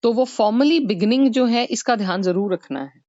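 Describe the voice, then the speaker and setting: Woman, patient online tutor; slow, step-by-step explanations with frequent "right?". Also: fairly high pitch, mellow, no echo, highs cut off. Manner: explains step by step, mixing Hindi with English, often asking "right?". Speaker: English teacher. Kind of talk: exam-prep online lesson.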